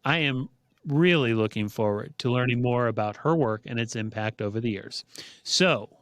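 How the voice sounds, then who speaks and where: A man hosting a podcast, telling a story in an earnest, measured way before introducing his guest. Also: medium pitch, a bit bright, no echo. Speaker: podcast host. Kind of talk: reflective monologue and interview intro.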